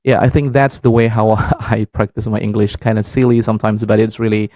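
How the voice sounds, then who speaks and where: A young man with an Indonesian accent, hosting a podcast in a halting, casual way and laughing easily. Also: on the low side, little pitch movement, a little mellow, no echo. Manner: hesitant, many fillers and restarts, laughs easily. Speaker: podcast host and English learner. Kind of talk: casual practice talk.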